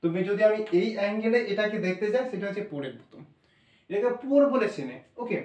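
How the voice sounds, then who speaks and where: A high-voiced man teaches phonics, going over each point more than once and checking in with an "okay" as he goes. He speaks a little way off the mic, so the room rings with echo. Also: very animated, quick pace, darkish tone, recorded from a distance. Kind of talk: spoken English phonics lesson.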